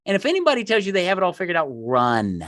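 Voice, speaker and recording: Middle aged guy on a podcast, super animated, pokes fun at himself, repeats stuff to hammer it home, dry sound. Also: high-pitched, fast talker, no room sound. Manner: emphatic, self-deprecating, repeats words for emphasis. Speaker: podcast guest, marketing entrepreneur. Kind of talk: conversational interview storytelling.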